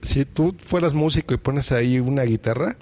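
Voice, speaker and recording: A man talks through a how-to tutorial as a podcast host, explaining each step while he demonstrates. He speaks at a middle pitch into a microphone run through a mixing desk in a home studio. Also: normal speed, a little mellow.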